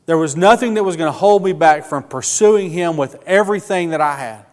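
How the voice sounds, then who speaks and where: Male preacher, earnest and emotional, slightly high voice, long hall reverb. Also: a little mellow. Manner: earnest, emotional, slow emphatic phrasing. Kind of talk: sermon.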